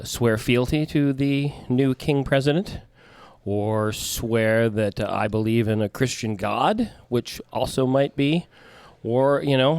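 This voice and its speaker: Brief: male panelist, halting speech, smooth tone, dry close sound. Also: medium pitch, a little mellow, no room sound. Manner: hesitant, many ums and uhs. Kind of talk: casual panel chat.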